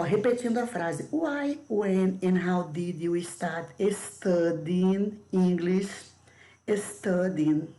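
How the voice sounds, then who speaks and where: Brazilian woman teacher, middle-aged, low voice, unhurried patient explaining, repeats words for the class. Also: dark tone. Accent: Brazilian Portuguese. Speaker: English teacher. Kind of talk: remote video lesson with slides.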